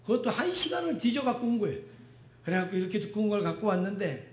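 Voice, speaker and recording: A middle-aged male pastor delivers a sermon in a lively, conversational way. He often asks the congregation questions and acts out the voices he quotes. His voice sits on the high side, and it echoes around a roomy church sanctuary. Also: fast talker.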